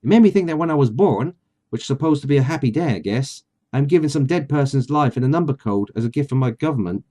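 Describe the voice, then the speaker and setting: A man's voice: medium pitch, lively intonation, fast talker, dark tone. A man hosting a casual chat and reading from a book, talking freely with many fillers. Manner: chatty, with many fillers and laughs. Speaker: author and channel host.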